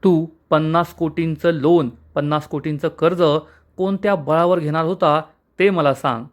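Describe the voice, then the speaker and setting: A man voicing an angry middle-aged aunt while retelling a TV serial episode, scolding in a sharp manner. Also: fairly high pitch, steady tone, normal speed, lightly acted.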